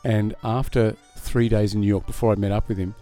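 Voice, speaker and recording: A man's voice: fairly low pitch, steady tone, a little fast, dark tone, soft background music. A middle-aged musician, a man, chatting as a podcast guest, rambling and self-deprecating with frequent laughs. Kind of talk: casual podcast interview.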